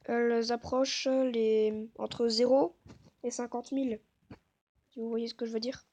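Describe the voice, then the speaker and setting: A woman giving casual gameplay commentary, talking softly to herself and the viewers with self-mocking asides. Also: a little high, level tone, a little slow, muffled recording. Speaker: gaming video creator.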